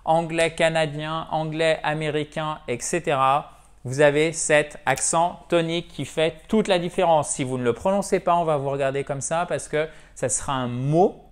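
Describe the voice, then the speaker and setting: A French-speaking man giving a video lesson on English pronunciation, drilling words slowly and repeating them. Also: fairly high pitch, fairly even intonation, smooth.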